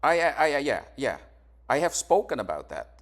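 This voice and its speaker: A Swiss YouTuber in his forties is questioned in a casual interview and answers defensively, repeating words and restarting sentences. His medium-pitched voice swoops wildly in pitch at a normal speed.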